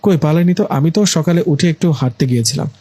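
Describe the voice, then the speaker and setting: A man's voice: a little high, fast talker, mellow, husky. A man voicing a female ghost who poses as a sweet young bride, coy and stubbornly insistent.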